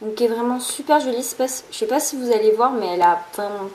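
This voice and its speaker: A woman's voice: a little high, fast talker, darkish tone, poor audio. A young woman chatting through a beauty haul in a casual vlog, rambling with lots of fillers and restarts. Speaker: beauty vlogger.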